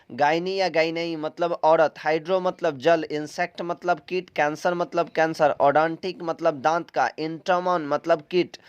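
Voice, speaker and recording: A man from India, an English teacher, walks students step by step through a recorded vocabulary lesson in a plain instructive tone, repeating steps and using some filler sounds. His voice is a little high and smooth, and the sound is lo-fi.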